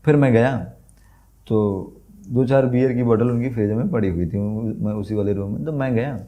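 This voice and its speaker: A man's voice: medium pitch, moderate pace. A man guesting on a podcast, telling a funny story in casual chat and acting out the lines he quotes. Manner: animated anecdote, acts out quoted lines, laughs a lot.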